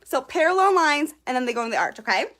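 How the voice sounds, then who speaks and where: A woman's voice: sits high, big pitch swings, fast, fairly bright tone. A young woman giving a casual live-stream eyebrow tutorial, chatty and a little nervous, tagging nearly every sentence with "okay?" and greeting viewers by name. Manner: giggly and self-conscious. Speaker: beauty vlogger.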